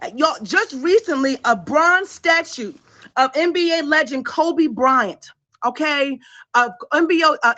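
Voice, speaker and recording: High bright-voiced woman hosting a livestream, hypes everyone up, repeats herself a lot. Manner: hypes the audience, repeats phrases. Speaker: livestream host. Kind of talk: casual livestream chat.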